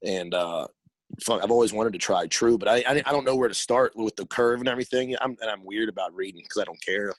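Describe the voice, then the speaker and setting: A man's voice: lowish voice, no echo. A man hosting a podcast, chatting casually and swearing freely. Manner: fast, profane, laid-back. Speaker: podcast host.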